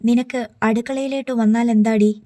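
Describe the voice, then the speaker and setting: A woman's voice: fairly high pitch, fairly even intonation, moderate pace, dry recording, clean studio sound, natural voice. A woman reading the lines of an angry middle-aged father who scolds his daughter. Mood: scolding. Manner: scolding, forceful.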